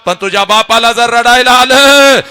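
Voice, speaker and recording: A man giving an emotional motivational speech, swinging dramatically between hushed passages and shouted refrains. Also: very high-pitched, moderate pace, clean tone. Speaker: motivational speaker.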